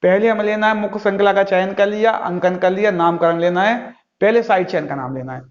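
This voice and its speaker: A man's voice: high voice, fairly quick. A male chemistry teacher giving a classroom lecture, asking his students questions and answering them himself in a patient, drilling way. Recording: echoey, dull lo-fi recording.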